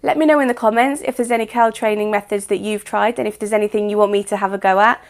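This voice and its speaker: A woman with a croaky voice, chatting to camera in an instructive hair-care vlog. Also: medium pitch, steady tone, fast talker. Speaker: hair vlogger. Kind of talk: explanatory beauty vlog talk.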